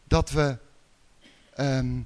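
A man from the Netherlands preaching a sermon in a conversational way, with rhetorical questions and sudden loud calls. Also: medium pitch, fairly even intonation, very slow.

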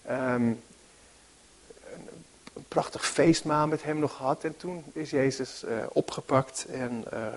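A man preaching a sermon and reading from the Bible in a conversational way, often pausing with fillers and correcting himself. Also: mid-range voice, a little mellow.

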